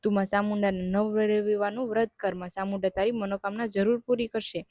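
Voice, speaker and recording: A woman's voice: medium pitch, flat delivery, a little fast, a little mellow, no echo, studio quality, close to an everyday voice. A woman voicing a hungry, ragged old beggar woman in a devotional storybook tale. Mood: blessing. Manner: pleading, kindly blessing.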